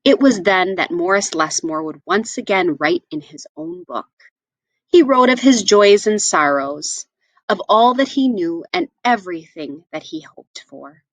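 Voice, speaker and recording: This is a woman's expressive read-aloud of a children's story, with lively, freely moving pitch and carefully crafted phrases. She speaks deliberately and turns aside to address listeners now and then, all in a dry recording free of echo.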